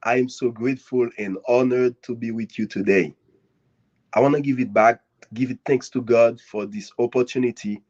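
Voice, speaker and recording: A man from Haiti, a guest author giving an earnest, grateful speech at a live author event, with swinging emphasis and long dramatic pauses. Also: medium pitch, fairly even intonation, a little mellow. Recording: dull lo-fi audio.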